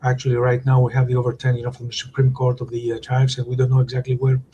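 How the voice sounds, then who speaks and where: A man's voice: medium pitch, monotone, racing, mellow, dull audio, a little hiss or hum. A man moderating a panel discussion, asking questions hesitantly with many fillers.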